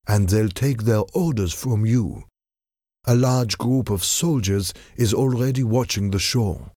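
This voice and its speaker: A man's voice: on the low side, a little slow, dark tone, no echo, studio quality. A man voicing a dutiful male soldier-servant who reports plainly to his master.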